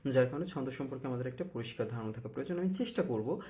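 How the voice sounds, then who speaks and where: A man in the middle of a spoken tutorial on poetic rhythm, his voice at an ordinary pitch. He explains patiently, pausing on fillers, and slows right down to sound out single syllables as he counts beats. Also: expressive, dark tone, slight background noise. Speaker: recitation teacher.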